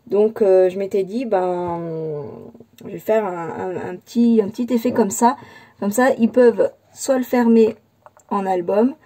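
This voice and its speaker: A woman's voice: medium pitch, warm tone. A woman casually presenting a handmade scrapbook album, hesitant and full of fillers and restarts. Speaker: scrapbooking channel host. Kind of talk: casual crafting show-and-tell.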